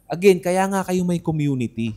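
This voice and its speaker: A man's voice: high-pitched, lively intonation, normal speed, dark tone. Argumentative man, podcast co-host. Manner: argumentative, repeats "di ba?" often. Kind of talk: casual podcast chat.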